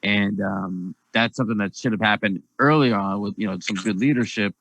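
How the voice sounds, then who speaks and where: Bright-voiced man hosting a panel. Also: lowish voice, moderate pace, vocal fry, dry recording, poor audio. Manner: rambling, repeats words. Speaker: debate host. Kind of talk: moderating a round-table discussion.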